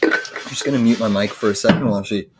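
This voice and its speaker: A man's voice: lowish voice, fast talker. A man hosting a live trading stream with casual running market commentary. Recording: faint noise, clicking and scratching behind. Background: cat scratching, clicking.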